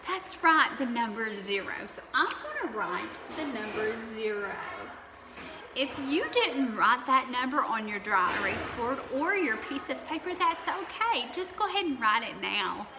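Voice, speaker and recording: Her voice on the high side and very animated, a kindergarten teacher speaks a little slowly as she coaches her pupils through counting, cheering them on directly. Background noise is present, and the room echoes heavily.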